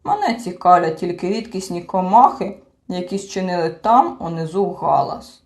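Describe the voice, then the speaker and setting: For an audiobook, a woman voices a slow-witted, pedantic male creature who collects insects, muttering pompously over faint background music. Her voice is fairly low and darkish in tone, yet animated.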